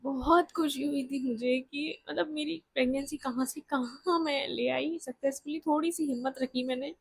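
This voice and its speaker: A woman's voice: high-pitched, steady tone, moderate pace, creaky, no echo. A young woman vlogger candidly telling a personal story, laughing often as she talks.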